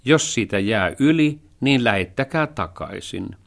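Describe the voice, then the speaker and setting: A man's voice: on the low side, animated, creaky, fairly bright tone. A man voicing a cheerful, earnest young boy in a storybook reading. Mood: polite.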